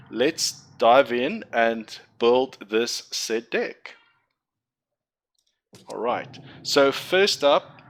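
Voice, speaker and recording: His voice sits at medium pitch and sounds a bit bright. A young gaming content creator with Afrikaans as his first language, he chats through building a card game deck in casual tutorial commentary, rambling and self-correcting as he explains.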